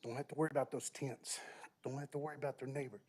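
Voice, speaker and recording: A man's voice: mid-range voice, fairly even intonation, fast talker, darkish tone, husky. A man giving an informal, improvised public comment at a city council meeting, out of breath.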